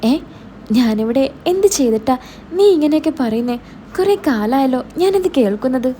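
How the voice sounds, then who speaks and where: A woman voicing a husband abroad who argues defensively and tries to calm his wife in a storybook tale. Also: high voice, moderate pace, slight background noise. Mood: annoyed.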